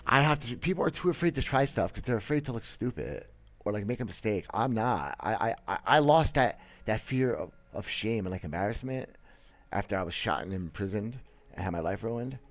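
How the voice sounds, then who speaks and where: On his livestream, a gaming streamer in his thirties comments casually in an animated, somewhat low voice at a slightly fast pace. He sits in a small room wearing a headset mic, framed by a webcam, and speaks bluntly and boastfully with many stammers and restarts.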